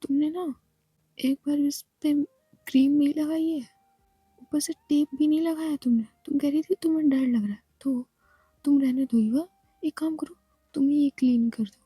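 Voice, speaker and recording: A woman's voice: sits high, fairly even intonation, moderate pace, mellow, no echo, close to an everyday voice. A woman whispering as a teasing injured young woman. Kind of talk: whispered role-play.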